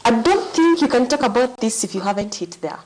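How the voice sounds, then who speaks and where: A woman hosts a televised talk show from a studio set, and her voice swings up and down with lively pitch. She questions her guests playfully, teasing them and pushing for answers. The sound is a clean lapel-mic recording. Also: fairly quick, a loud crowd, low-quality recording.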